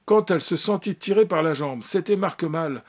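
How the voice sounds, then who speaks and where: Man reading a novel aloud, kinda high voice, expressive, trips on words sometimes. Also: moderate pace, breathy edge. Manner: expressive narration with occasional slips. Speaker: audiobook reader.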